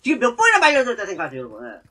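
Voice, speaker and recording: A man streaming a game live, talking himself through each move and yelling at enemies, with many filler sounds. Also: very high voice, wildly swooping pitch, rapid-fire. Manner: talks to himself while playing, shouts at enemies; frequent filler sounds between actions. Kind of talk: live gameplay commentary.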